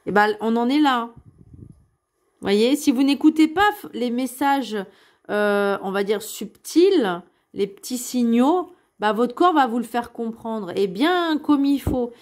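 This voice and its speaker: Femme au ton sérieux et rassurant. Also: female voice, fairly high pitch, animated, takes it slowly, a little mellow. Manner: earnest and reassuring, addresses viewers directly, many hesitations. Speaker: card reader giving a weekly guidance. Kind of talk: spiritual card reading, casual monologue.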